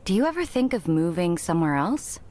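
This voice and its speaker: A woman's voice: on the low side, big pitch swings, a little fast, mellow. An actress playing an earnest, inquisitive young woman in video game dialogue, speaking sincerely. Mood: curious.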